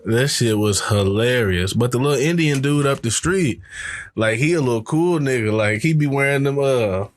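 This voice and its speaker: A young podcast host chats casually in a mid-range voice with lively intonation at normal speed. He laughs as he tells stories and does the voices of the people he quotes.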